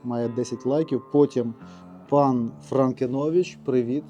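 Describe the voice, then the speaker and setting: A man with a Ukrainian accent co-hosting a casual show, reading out giveaway winners in a brisk, offhand way. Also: mid-range voice, fairly even intonation, warm tone, dull audio, soft background music. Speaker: co-host.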